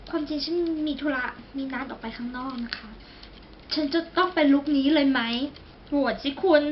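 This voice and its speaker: Young woman beauty vlogger, high voice, chatty and dramatic, talks right to the viewers, bit muffled. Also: normal speed. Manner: chatty, exclamatory, self-mocking, talks straight to viewers. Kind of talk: casual makeup tutorial. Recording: slightly dull recording with faint background noise.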